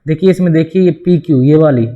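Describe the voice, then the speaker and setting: A man with a fairly high but dark, mellow voice teaches a board-exam maths lesson. He walks through each step by firing questions at the class and answering them himself. The sound is dull and muffled, like a lo-fi recording. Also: quick pace. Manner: often addresses students as "bhai".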